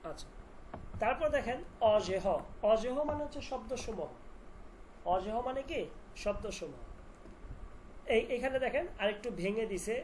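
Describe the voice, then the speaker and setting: A man's voice: sits high, expressive, moderate pace, long pauses, darkish tone. Man, language teacher, online class, repeats and quizzes, faint noise behind. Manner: repeats words and drills meanings with questions.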